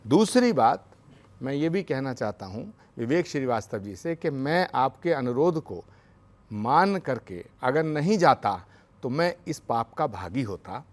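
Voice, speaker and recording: A spiritual leader, a man, speaks on a televised news debate. His intonation rises and falls in a lively way, and his speech is formal, devotional and earnest. He stresses his points emphatically. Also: medium pitch, unhurried.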